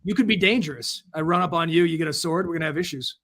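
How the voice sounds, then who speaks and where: A man's voice: on the high side, fast, pushed and bright. A man co-hosting a podcast, asking questions in a joking, playful way. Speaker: podcast co-host. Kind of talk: casual interview chat.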